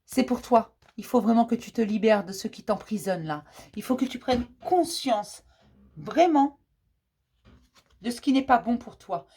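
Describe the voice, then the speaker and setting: A woman hosting a daily card-reading message, speaking gently and reassuringly to her viewers and often repeating herself on purpose. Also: a little high, expressive, a little slow, slight background noise. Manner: warmly addresses viewers as dear ones. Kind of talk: casual spiritual advice to viewers.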